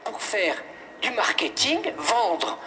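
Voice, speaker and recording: Animated, bright-voiced priest telling stories. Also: male voice, sits high, takes it slowly, a little hiss or hum, rough recording. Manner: lively storyteller who acts out quoted voices; emphatic repetitions. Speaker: exorcist priest. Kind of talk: animated anecdotal testimony.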